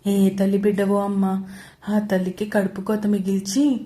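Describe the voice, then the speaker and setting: A woman's voice: medium pitch, little pitch movement, moderate pace, warm tone, pitched below the performer's own voice, lightly acted. Woman voicing a sorrowful older caretaker woman. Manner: sorrowful, tender lament.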